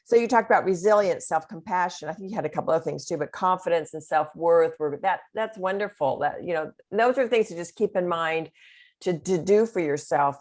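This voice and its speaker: A woman's voice: on the low side, a little fast. A woman hosting an interview, affirming her guest and asking long, rambling questions. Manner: affirming, with soft back-channel murmurs and rambling questions. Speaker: host and interviewer. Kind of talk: casual interview conversation.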